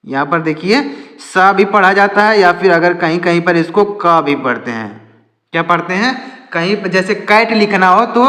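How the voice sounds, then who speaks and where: A man with a high voice gives a slow, patient lesson, asking a question and then answering it himself. The sound is roomy, with a long reverb trailing each phrase. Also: pushed and bright. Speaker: English teacher. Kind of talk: step-by-step lesson. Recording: echoey room with long reverb.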